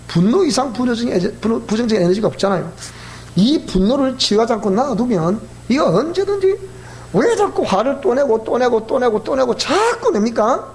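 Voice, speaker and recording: A middle-aged male pastor with a Gyeongsang Korean accent, preaching in a folksy, animated storytelling manner. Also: high voice. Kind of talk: sermon.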